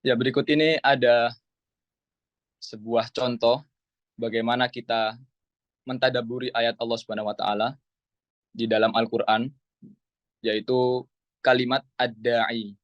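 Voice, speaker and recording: A man interpreting a lecture, speaking in a slow, measured way and often adding "ya". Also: mid-range voice, little pitch movement, no room sound. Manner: slow, measured delivery with frequent "ya". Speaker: interpreter and moderator. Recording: dry, dull lo-fi sound.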